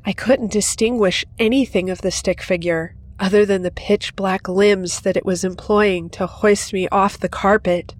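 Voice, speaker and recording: A woman hosting a horror story channel, narrating in a steady, measured storytelling voice. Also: medium pitch.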